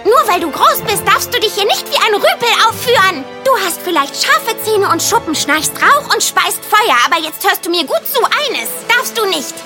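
An earnest young cartoon pony, speaks in a very high, lively voice. She is cute and gentle yet firm, over clear music. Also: normal speed, hardly any pauses. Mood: stern, scolding. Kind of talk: children's cartoon audio play. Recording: music underneath.

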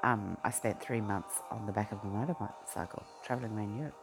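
Talking fairly quickly in a lowish voice, this man rambles through a personal vlog chat, getting sidetracked and peppering it with ums and restarts. His Australian accent is broad from life in Queensland, and a pop song plays behind him.

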